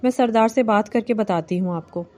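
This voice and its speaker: A woman voicing a timid, gentle young bride in a novel reading, speaking softly and pleading. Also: medium pitch, close to an everyday voice.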